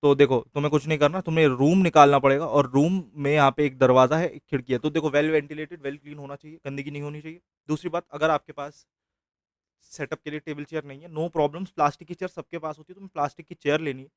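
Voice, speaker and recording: A man's voice: on the high side, steady tone, fast, no room sound, studio quality. A young man teaching a trading course in a casual, encouraging way, mixing English phrases into his speech. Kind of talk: casual motivational lesson.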